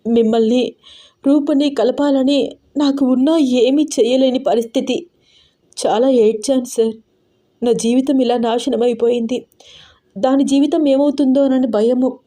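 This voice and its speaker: A woman voicing a distraught, bedridden older sister who pleads and sobs in a raised, higher voice. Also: dark tone, natural voice. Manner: anxious, pleading, sobbing. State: crying.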